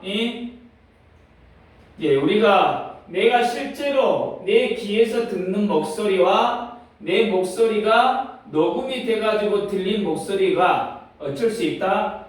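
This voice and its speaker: A male English teacher working through an exam reading passage. He reads the English lines slowly and explains them in Korean with quick rhetorical questions. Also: sits high. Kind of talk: exam passage walkthrough lesson. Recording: echoey room, mic at a distance.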